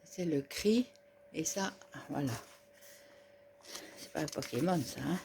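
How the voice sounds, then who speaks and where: A woman's voice: low voice, animated, slow pace, vocal fry, a little mellow, a little hiss or hum. A woman chatting casually and giggling as she comments on a manga she is reading aloud. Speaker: manga reader.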